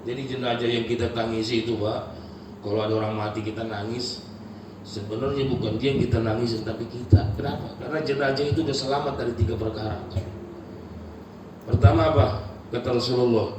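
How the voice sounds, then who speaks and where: A male preacher delivering a sermon, swinging from low murmurs to high shouted cries and often addressing the congregation directly. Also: steady tone, brisk. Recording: echoey hall, picked up from far off, noisy.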